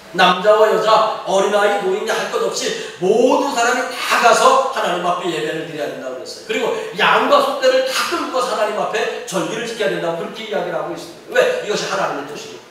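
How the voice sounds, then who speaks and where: Male pastor preaching hard, high-pitched voice, super echoey church, mic kinda far. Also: fairly bright tone. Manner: emphatic preaching, rising and falling pitch, reads scripture aloud. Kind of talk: sermon. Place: small church sanctuary. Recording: echoey church hall from far off, faint background noise.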